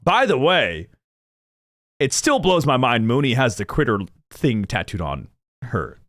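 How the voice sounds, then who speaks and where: A man's voice: medium pitch, very animated, a little slow, a bit bright, dry recording, studio quality. A young man chatting casually and rambling to his viewers as a gaming streamer, laughing often at himself. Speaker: gaming streamer reacting to lore videos.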